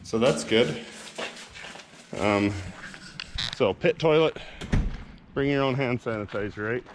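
A man's voice: medium pitch, slow, noisy background. A man giving a chatty, upbeat walkthrough inside a small restroom, his voice echoing off hard walls. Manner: chatty, upbeat, loose with fillers. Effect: hard echo of a small restroom. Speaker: RV travel vlogger. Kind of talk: casual walking tour. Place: small echoey vault-toilet restroom.

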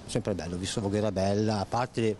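A middle-aged man answering haltingly and unsure into a handheld mic under an outdoor arcade. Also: lowish voice, fairly even intonation, warm tone, a little hiss or hum. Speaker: passer-by interviewed. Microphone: handheld interviewer mic.

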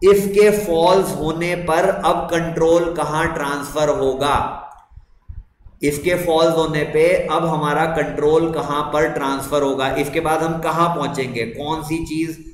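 Indian-accented young man, live class teacher, slightly high voice, echoey room, faint noise. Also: fairly even intonation, measured pace. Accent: Indian English. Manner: asks students questions and repeats them, praising answers. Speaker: computer science teacher. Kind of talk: live online class lecture.

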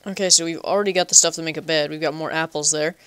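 Smooth-voiced playful young man gaming. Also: a little high, fairly even intonation, quick pace, fairly bright tone, no room sound. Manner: playful, chatty self-talk with goofy animal nicknames. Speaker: gaming channel host. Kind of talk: casual let's play commentary.

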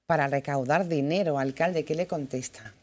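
A woman interviewing a mayor in a TV studio, moving the talk along briskly. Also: deep voice, heavy background noise. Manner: brisk, leading questions.

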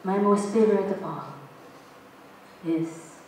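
A young adult woman performing spoken word poetry on stage, with a slow, dramatic delivery that breaks into shouted outbursts. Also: mid-range voice, a little hiss or hum. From Philippines. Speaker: performance poet. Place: stage in a large hall. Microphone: stand mic, filmed from a distant camera. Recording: echoey hall from far off.

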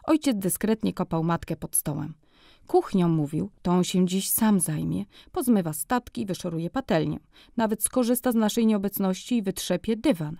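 Brief: woman narrator, mid-pitched, measured literary reading, dry close studio mic. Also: animated, gravelly, dark tone, no echo. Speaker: reader of a novel excerpt. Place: radio studio.

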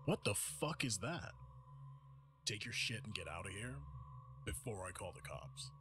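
A man's voice: lowish voice, very animated, a little slow, pushed and bright, heavily acted. A man playing a rattled, sarcastic, foul-mouthed cinema ticket clerk in a naturalistic horror game style. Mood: angry, exasperated. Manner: sarcastic, exasperated. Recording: noisy game stream capture.

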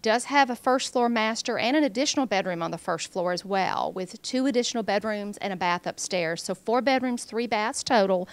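A woman's voice: medium pitch, a little fast, hardly any pauses. A woman real estate agent narrating a property tour, informally listing features.

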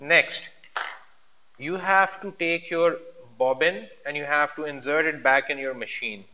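A male instructor talks through a hands-on demonstration in a bright, forceful voice. He moves between two languages while explaining each step. The sound is dull, with a long room reverb. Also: fairly high pitch, a little slow. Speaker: sewing instructor. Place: indoor workroom at a sewing machine.

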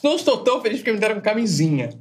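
A man's voice: sits high, sing-song, racing, slight background noise. A young man with a Brazilian accent in casual comedic banter. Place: dark indoor studio.

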